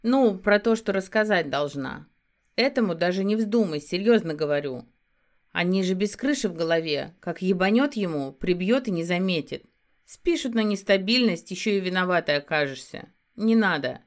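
An anxious young man speaks bluntly and urgently in an audiobook scene, voiced by a woman narrator. He swears freely and warns hard, in a voice set a little low. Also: lively intonation, moderate pace. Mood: worried, urgent.

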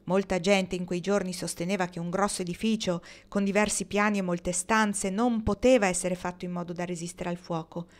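A woman reading a novel aloud with steady, even narration. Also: fairly low pitch, a little fast, hardly any pauses. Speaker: audiobook reader.

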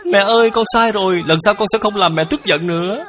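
A man voicing a small remorseful child in a high, drawn-out whine. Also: background noise, close to an everyday voice.

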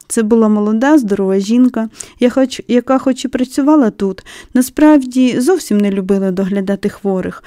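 A woman narrating a children's novel in an expressive, lively reading. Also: fairly high pitch, no room sound, studio quality. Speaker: audiobook narrator. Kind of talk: storybook narration.

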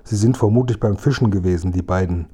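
Gruff sly robber guy, a reader doing him, low grumbly voice, storybook. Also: fast talker, dark tone. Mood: greedy. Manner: growling, muttering to himself. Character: gruff burly male robber, greedy and sly.

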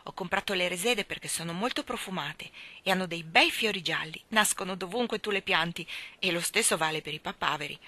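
Cheerful country boy who loves animals, warm and friendly, read by a woman, bright clear tone. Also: fairly low pitch, brisk, dry recording. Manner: warm, friendly, hushed at times.

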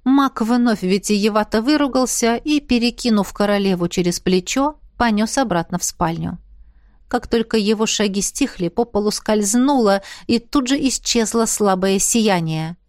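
A woman reading a fantasy audiobook in first person with steady storytelling. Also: mid-range voice, moderate pace, no room sound, studio quality. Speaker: audiobook narrator. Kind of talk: scripted first-person narration.

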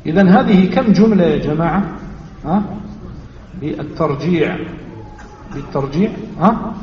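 A high-pitched man with an Algerian accent teaches a mosque class and often quizzes the room. He sits well back from the microphone, and the big hall rings with a long echo. The sound is dull with a faint hiss. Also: lively intonation, distant mic. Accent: Algerian Arabic. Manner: counts aloud and quizzes the listeners with "ha?"; repeats key phrases slowly. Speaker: sheikh teaching a mosque lesson. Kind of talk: religious lesson.

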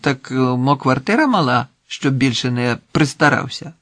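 A man's voice: mid-range voice, expressive, normal speed, fairly bright tone, no room sound, natural voice. A man voicing an elderly village woman who chats in a homely, folksy, motherly way, read aloud in an audiobook story. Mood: folksy, chatty.

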